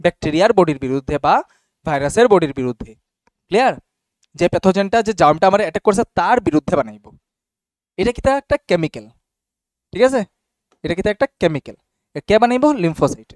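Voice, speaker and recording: A man's voice: high-pitched, lively intonation, fast talker, pauses often, darkish tone, no room sound, studio quality. A young man teaching a class casually and often checking whether students follow. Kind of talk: classroom biology lesson.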